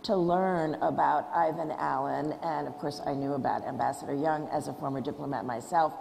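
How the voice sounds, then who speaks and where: A woman speaking on a panel in a measured, reflective way about her organization. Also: low-pitched, fairly even intonation, creaky, darkish tone, slight background noise. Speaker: panelist, nonprofit leader. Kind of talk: panel discussion. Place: lecture hall. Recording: reverberant hall, faint ambience.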